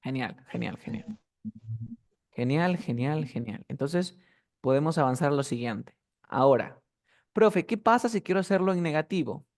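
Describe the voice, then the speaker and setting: A man's voice: a little high, lively intonation, normal speed, long pauses, darkish tone. Patient male teacher drilling words. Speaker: English teacher. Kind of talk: online class instruction.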